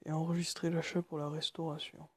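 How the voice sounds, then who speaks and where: A nervous man walking through a phone tutorial, speaking quietly and haltingly with many fillers. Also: a little high, level tone, slight background noise. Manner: speaking quietly late at night. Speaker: tutorial maker. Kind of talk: screen-recorded phone tutorial.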